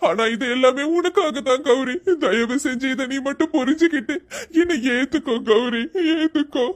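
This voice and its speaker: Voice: high-pitched, normal speed, natural voice. A performer voicing a devoted young husband who tearfully begs his wife to accept him. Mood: tearful pleading. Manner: begging, tearful.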